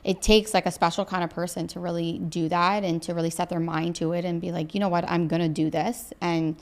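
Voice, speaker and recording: A woman's voice: fairly low pitch, little pitch movement, a little fast, a little mellow. Female co-host from Ontario, casual chat, chatty, laughs easily. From Ontario, Canada. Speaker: podcast co-host.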